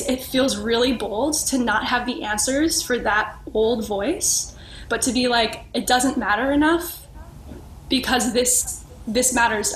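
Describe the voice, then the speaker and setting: Earnest woman in an echoey room. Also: a little high. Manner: earnest, searching, rambling with many restarts. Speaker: podcast guest. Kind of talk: reflective conversational sharing. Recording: echoey room with faint noise.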